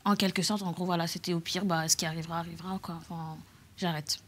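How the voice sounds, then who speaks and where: A young woman with a French accent telling her own story as a talk show guest, halting, with many fillers and restarts. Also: on the low side, fairly even intonation, a bit bright. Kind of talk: personal testimony on a talk show.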